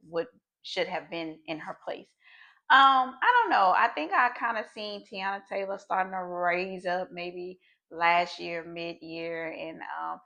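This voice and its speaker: An American woman hosts her own talk show, chatting casually to camera with her viewers, using slang and breaking into sudden emphatic bursts. Her voice is medium-pitched and a bit bright, though the recording sounds muffled.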